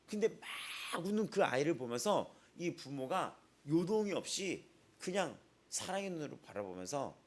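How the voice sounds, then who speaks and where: A man preaching at an early-morning prayer service in a chatty, storytelling way. His pitch is mid-range but moves around a lot. He keeps turning to the listeners with questions. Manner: chatty, asks the congregation frequent rhetorical questions; retells stories with repetitive, emphatic phrasing. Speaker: pastor. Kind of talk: conversational sermon at a dawn prayer service.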